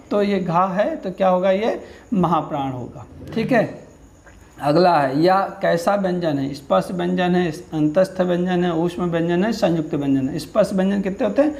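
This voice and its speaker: High, gravelly-voiced male teacher. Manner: asks a question, then answers and repeats it; steady, patient explaining. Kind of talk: exam-prep grammar lesson.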